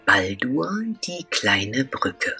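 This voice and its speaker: A man telling a children's story as scripted narration, slow and deliberate with dramatic pauses. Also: fairly low pitch, animated, vocal fry, sharp tone, husky, faint music behind.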